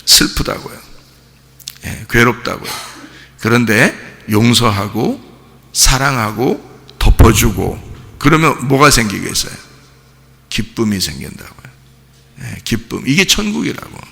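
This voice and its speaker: A man preaching at a dawn service in a gravelly, sharp-edged voice. He presses his points with repeated words and keeps firing questions at the congregation. The sound carries a long reverb that rings through the church sanctuary. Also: medium pitch, big pitch swings, measured pace, pauses often. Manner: emphatic, repeats key words. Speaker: pastor. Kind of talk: early-morning sermon.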